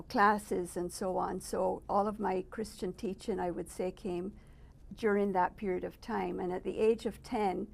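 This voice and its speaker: Measured, gravelly-voiced middle-aged woman. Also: medium pitch, a little mellow. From Barbados. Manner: thoughtful, measured, with frequent pauses. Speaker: guest. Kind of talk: personal testimony interview. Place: residence.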